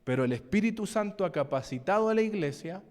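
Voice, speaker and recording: Pastor preaching in an echoing hall. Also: male voice, sits high, expressive, fast talker, a little mellow. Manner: storytelling, asks the congregation questions. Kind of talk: sermon with personal testimony. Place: church hall. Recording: long hall reverb.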